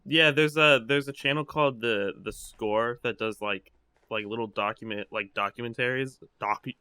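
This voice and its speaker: A man's voice: mid-range voice, steady tone, normal speed, bright, forceful tone, clear, resonant tone. A young man co-hosting a casual podcast, dropping dry quips. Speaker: podcast co-host.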